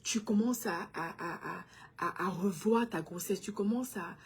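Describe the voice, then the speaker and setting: A woman's voice: mid-range voice, measured pace, slightly rough. A woman from Cameroon with a Cameroonian French accent, a mother talking earnestly and directly to other parents, sometimes switching into English. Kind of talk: casual direct-to-camera talk.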